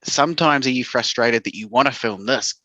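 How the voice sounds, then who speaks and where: A man's voice: medium pitch, a little fast, bright, forceful tone, dry recording, lo-fi sound. An easygoing New man hosts a casual podcast in a mid-range voice. He asks long, conversational questions. The sound is dry and close. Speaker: podcast host.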